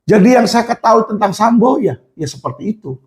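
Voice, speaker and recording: Emphatic man with a high voice. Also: lively intonation, fairly quick. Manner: emphatic, repeats "teman-teman" and "ya", acts out quoted people in raised shouts. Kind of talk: impassioned monologue to viewers.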